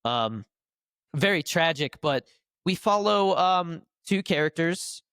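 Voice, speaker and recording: A man's voice: a little high, lively intonation, slow pace, a bit bright, clear, resonant tone, dry recording, studio quality. A man co-hosting a filmmaking podcast, nasal and congested from a cold, rambling through a casual chat with fillers and restarts. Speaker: podcast co-host.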